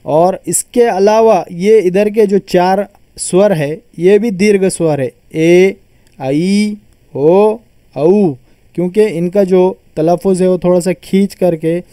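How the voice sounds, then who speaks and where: A man's voice: high-pitched, fairly even intonation, a little slow, mellow, no echo, clean studio sound. A man teaching a grammar lesson, patiently explaining and repeating terms as he sounds them out.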